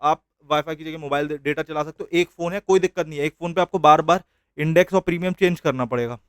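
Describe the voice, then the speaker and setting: A man's voice: on the high side, quick pace, clear, resonant tone, no echo. Encouraging male trading instructor, dry sound. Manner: informal and encouraging, mixing English phrases into his Hindi. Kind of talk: casual motivational lesson.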